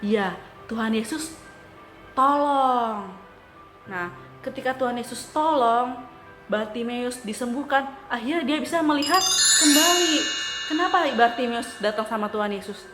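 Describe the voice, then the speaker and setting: A woman teaching children at church, telling a story in an animated way and asking the kids questions. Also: on the high side, normal speed. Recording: echoey room with faint music.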